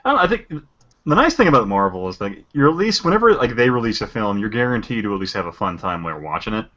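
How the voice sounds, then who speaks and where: A low-pitched man talks quickly as a podcast co-host, piling one thought onto the next. The recording sounds dull and lo-fi. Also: very animated, a bit bright. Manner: fast, rambling opinions. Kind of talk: casual chat. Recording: dull lo-fi audio.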